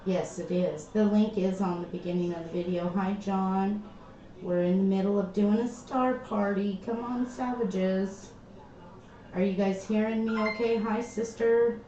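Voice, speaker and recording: A livestream host talks casually from her craft room in a mellow, mid-range voice with fairly even intonation. She's slow and chatty and tends to trail off partway through sentences. The sound is hollow and tinny like a tin can, and the stream audio is dull, lo-fi, echoey, and faintly noisy.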